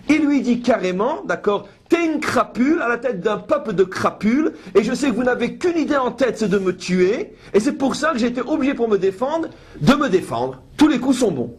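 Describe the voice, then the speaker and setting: A woman with a husky, breathy voice leads a Torah study lesson. She reads each Hebrew verse and then explains it. Her commentary is pointed and ironic. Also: medium pitch, a little mellow. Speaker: Bible teacher.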